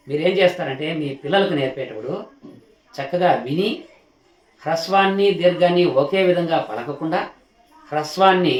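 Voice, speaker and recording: A male teacher giving a slow alphabet lesson, patiently repeating each sound and stopping to ask his learners questions while he writes. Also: fairly high pitch. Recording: roomy echo.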